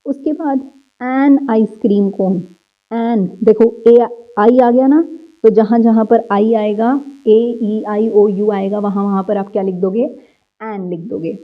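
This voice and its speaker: A woman teaching young children a worksheet lesson, going slowly, repeating words and answering her own questions. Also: mid-range voice, fairly even intonation, smooth. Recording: slightly dull, lo-fi audio.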